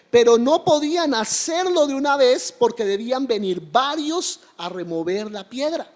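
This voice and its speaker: A pastor preaching a sermon, asking the congregation questions and answering them, with frequent amens. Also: male voice, very high voice. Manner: preaching with call-and-response questions and repeated amens. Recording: long hall reverb.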